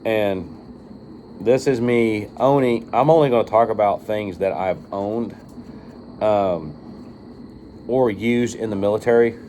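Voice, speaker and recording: A man's voice: fairly low pitch, slow pace, long pauses, mellow, slight background noise. A man talking casually off the cuff to viewers as a video reviewer, rambling and informal with some swearing. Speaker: video reviewer of firearm optics. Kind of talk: casual unscripted monologue to viewers.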